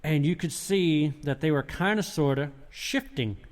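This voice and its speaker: A man's voice: a little high, a little slow. Rambling man telling ghost stories. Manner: rambling, restarts, animated retelling. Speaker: paranormal investigator. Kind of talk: casual storytelling in a podcast interview.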